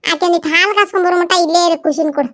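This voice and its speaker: A stern, busy mother-in-law, acted by a woman, hands out brisk orders in a high voice. She talks in a North Karnataka Kannada accent. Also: fairly even intonation, fairly bright tone. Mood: ordering.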